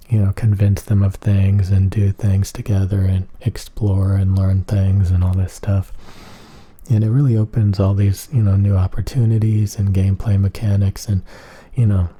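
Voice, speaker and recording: A man giving a rambling ASMR talk in a flat, emotionless monotone, hesitant and meandering as he goes. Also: sits low, husky. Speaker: ASMR video creator.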